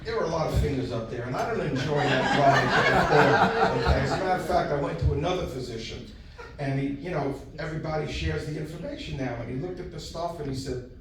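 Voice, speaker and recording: A man's voice: on the high side, quick pace, a crowd in the background. An older man doing brash, profane, kvetching Borscht Belt stand-up. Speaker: stand-up comedian. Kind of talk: Borscht Belt stand-up, telling jokes to a crowd. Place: echoey live venue with an audience. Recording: very echoey noisy room, distant mic.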